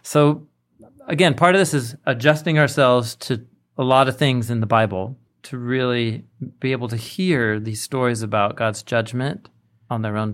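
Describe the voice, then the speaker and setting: A man explaining as a teacher in a podcast discussion, deliberate and emphatic in his phrasing. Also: mid-range voice. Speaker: podcast co-host and Bible teacher.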